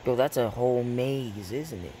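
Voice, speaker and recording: A man's voice: medium pitch, moderate pace. A young man lying on his bed, reacting to a video in a casual, slangy, exclaiming way. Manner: slangy, exclaiming, laughing often. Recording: loud background noise.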